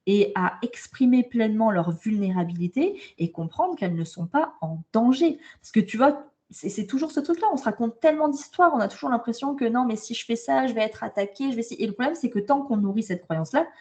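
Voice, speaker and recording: Her voice is a little high with a darkish tone, animated and brisk. She's a French holistic coach for women, a guest in a casual interview recorded indoors abroad, speaking plainly and forcefully and often starting her sentences twice.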